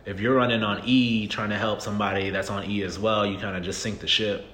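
A candid man in his thirties from the Southern United States, with a low voice, chats fairly quickly as a podcast guest in a casual interview. He's relaxed, often saying "um" and "you know what I mean." The room is echoey with faint noise.

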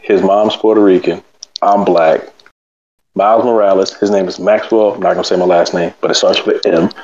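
A man co-hosting a podcast in casual chat, telling animated, joking stories about his son. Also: low-pitched, normal speed, dull audio. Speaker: podcast co-host.

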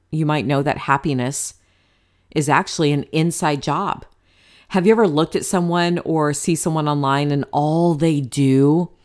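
Low-voiced motivational podcast woman. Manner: candid, chatty, motivational, casual swearing. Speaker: podcast host. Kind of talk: solo podcast monologue.

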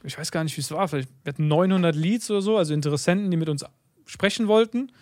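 A man's voice: a little high, fast, darkish tone, no echo, clean studio sound. A young man, an entrepreneur guest, telling a rambling anecdote in casual chat, full of fillers and tag questions.

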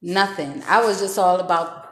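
A woman's voice: fairly low pitch, moderate pace, roomy sound. Slangy woman host in her thirties. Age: 30s. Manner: candid, slangy, laughs often. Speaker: podcast host. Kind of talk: casual chat.

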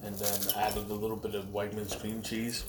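A man co-hosting a casual chat, rambling and profane, with frequent pauses. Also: on the low side, completely flat delivery, background noise.

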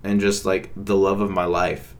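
A man's voice: low-pitched, level tone, normal speed. A man, co-hosting a casual couple's podcast, rambling with lots of fillers and repeated words. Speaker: podcast co-host.

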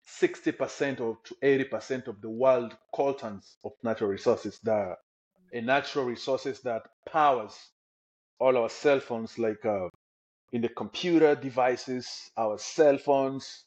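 Telling his own story as a podcast guest, this young Congolese man from the DRC is energetic and enthusiastic, speaking a little slowly in a medium-pitched, darkish voice. The audio is slightly dull and lo-fi.

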